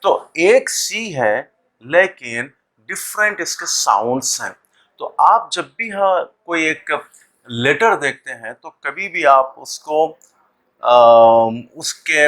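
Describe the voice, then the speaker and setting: Male teacher, lesson delivery; slow and deliberate, bright forceful tone, repeats sounds often. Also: on the high side, lively intonation. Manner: deliberate, repeats sounds and words, many pauses. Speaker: English teacher. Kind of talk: classroom lesson explaining pronunciation.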